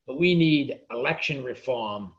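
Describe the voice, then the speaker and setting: A male author appears as a guest on an interview podcast, arguing passionately in casual conversation and often repeating words. His mid-range voice is unhurried with lively intonation, though the audio sounds dull.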